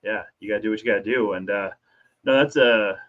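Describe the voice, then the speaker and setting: Man on a thin, tinny mic. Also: fairly quick. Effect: thin tinny mic sound with no bass. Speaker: co-host. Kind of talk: casual chat.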